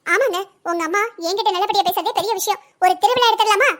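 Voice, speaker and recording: Cartoon wife, pregnant and bitter, voiced by a woman: very high, quick, cutting sarcasm. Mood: bitter sarcastic. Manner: sarcastic, biting. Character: young pregnant wife, bitter and sharp-tongued. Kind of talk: Tamil cartoon drama voicing.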